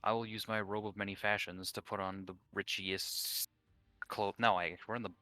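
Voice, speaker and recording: Swearing young man, bright dry voice. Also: lowish voice, level tone, normal speed, dry recording. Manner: swears, loose and scattered. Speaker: player. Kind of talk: casual chat.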